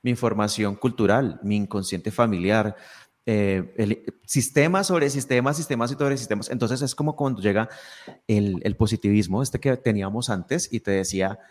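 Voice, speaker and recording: A man's voice: on the low side, moderate pace. Reflective man explaining ideas in conversation. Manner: reflective, explanatory, frequent restarts. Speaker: guest speaker. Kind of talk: conversational podcast talk.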